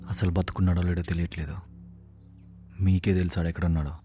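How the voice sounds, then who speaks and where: A man's voice: deep voice, level tone, fast talker, natural voice. An actor playing an insistent man who demands that others find a missing person. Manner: insistent, accusing. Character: deep-voiced man demanding help finding someone. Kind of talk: film drama dialogue. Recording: film dialogue under loud music.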